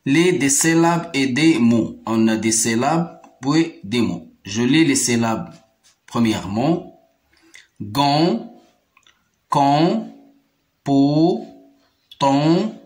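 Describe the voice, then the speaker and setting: Slow, deliberate Moroccan teacher man. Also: mid-range voice. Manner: repeats words slowly syllable by syllable, explains in Arabic too. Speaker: primary school teacher. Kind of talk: slow, deliberate French phonics lesson.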